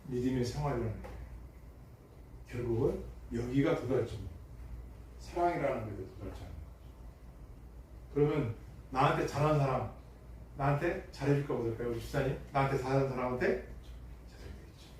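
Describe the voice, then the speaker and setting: A middle-aged man preaching a sermon as pastor, emphatic and full of rhetorical questions, moving from loud bursts to hushed tones. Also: medium pitch, brisk, pauses often. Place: church sanctuary. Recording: echoey hall, distant mic, faint noise.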